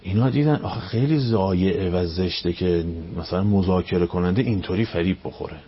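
A man, a cleric, giving a storytelling religious lecture. He fires off rhetorical questions, climbs high when stirred and sinks to near-whispers. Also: slightly rough. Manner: impassioned, rising up high on questions, then dropping to near-whispers. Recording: dull radio broadcast sound.

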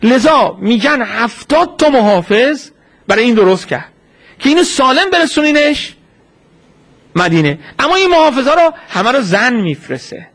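A man giving a sermon as a story, posing rhetorical questions and answering them himself. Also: very high-pitched. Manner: acts out quoted speech in a lively retelling. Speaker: preacher.

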